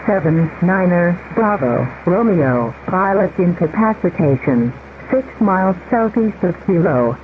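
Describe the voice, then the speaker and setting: A synthetic automated voice making scripted emergency autoland announcements over aviation radio, word by word. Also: mid-range voice. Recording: narrow radio transmission, static noise.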